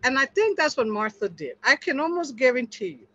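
A woman's voice: high voice, very animated, fairly quick, a bit bright, a little hiss or hum. Earnest woman sharing testimony, lo-fi. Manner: earnest, storytelling, acts out quotes with laughter. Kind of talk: casual testimony in a group discussion. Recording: dull lo-fi sound.

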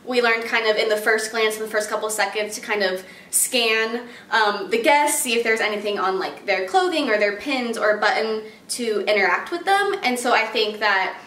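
A young woman in her home kitchen answers phone interview questions as a job applicant, upbeat and chatty with plenty of fillers and small laughs. Her voice is a little high and fairly bright, at a moderate pace with few pauses. A distant camera on a tripod captures her, giving the audio a roomy kitchen sound.

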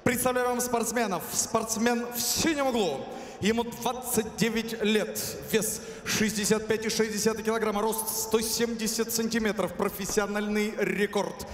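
A man announces a fight in a high, booming, theatrical voice. He is formal and projects like a showman, drawing names out. The sound echoes through a big arena with long reverb. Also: fairly even intonation, normal speed, slight background noise. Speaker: ring announcer at MMA event. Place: large indoor arena.

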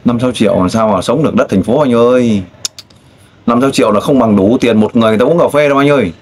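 A man interviewing a guest in a casual way, pressing with pointed, teasing questions and loud exclamations. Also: medium pitch, fast, a little hiss or hum. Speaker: street interviewer.

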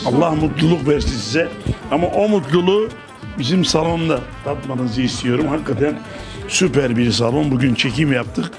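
An older man hosting a travel show, doing lively, jokey roving interviews with a handheld mic in a busy restaurant. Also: medium pitch, normal speed. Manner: boisterous, jokey, greets everyone. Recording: music playing behind.

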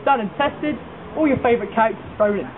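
A man playing a pushy fairground barker, calling out loud sales patter. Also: very high-pitched, quick pace, voice pushed up. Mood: brash. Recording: tinny lo-fi echoey hissy recording.

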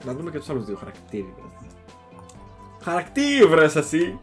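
A man hosting a casual gameplay session, excitable, swearing and trash-talking his opponent. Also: fairly high pitch. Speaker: gaming channel host. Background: game music.

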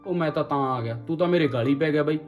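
A man's voice: a little high, very fast, lightly acted. A man playing a cheeky younger brother who teases his elder brother and sister-in-law, heard from a distance in a roomy room with music. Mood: teasing. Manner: teasing, cheeky. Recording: roomy film audio, distant mic, music.

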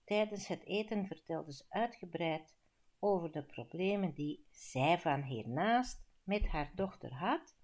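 A Flemish woman narrating an audiobook in a calm, measured storytelling manner. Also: on the low side.

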